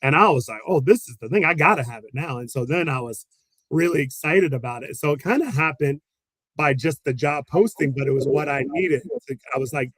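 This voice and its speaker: Here a man who works in special education responds to an interview in a vivid storytelling manner, laughing often and acting out quotes. He speaks briskly with a fairly high pitch, and the recording is dry.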